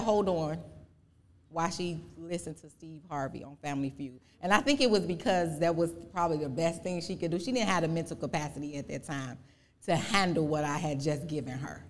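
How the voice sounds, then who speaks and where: A woman in her forties answering audience questions as a podcast guest, speaking earnestly with halting restarts. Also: fairly low pitch. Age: 40s. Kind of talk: live podcast Q&A, personal testimony.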